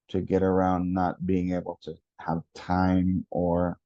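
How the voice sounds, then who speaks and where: A man giving a lesson to teachers, speaking deliberately and repeating key words for emphasis. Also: low-pitched, warm tone, dry recording, muffled recording. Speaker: education consultant.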